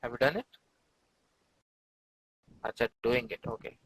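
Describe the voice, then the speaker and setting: A man's voice: mid-range voice, measured pace, a bit bright, slightly rough, rough recording. A man with an Indian accent teaching an interactive class, encouraging students with short, repeated prompts and praise. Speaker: chemistry teacher.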